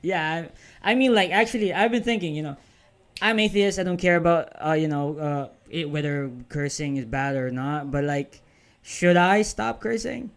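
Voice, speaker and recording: A man's voice: fairly high pitch, normal speed, smooth. A male podcast host chatting casually, giving short replies and questions. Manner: brief backchannel replies. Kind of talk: casual conversation.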